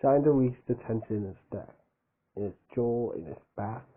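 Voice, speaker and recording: A man's voice: mid-range voice, lively intonation, normal speed. A man reading a fan story aloud, stumbling over words and breaking off for joking asides. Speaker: reader of fan fiction. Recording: tinny phone-like audio.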